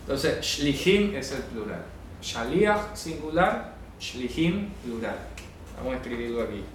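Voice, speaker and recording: A man's voice: mid-range voice, big pitch swings, a little slow, a little hiss or hum. Man lecturing in an echoey room. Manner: explanatory, asks "¿ya?" to check understanding; corrects pronunciation insistently. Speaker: Bible teacher. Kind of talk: classroom Bible lesson. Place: classroom. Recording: echoey room, speaker far from the mic.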